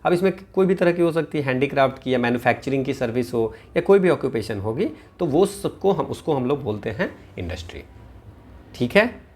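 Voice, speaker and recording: A man's voice: medium pitch, animated, fairly quick, a little mellow. A man giving an exam-prep lecture in a mix of Hindi and English, often asking "है ना?" and "ठीक है" to check on his students. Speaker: teacher.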